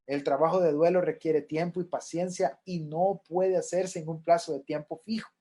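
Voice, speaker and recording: A man's voice: fairly high pitch, fairly even intonation, moderate pace, mellow. A middle-aged man, a pastoral counselor, lecturing a class on grief in an earnest way, repeating key points and acting out what people say.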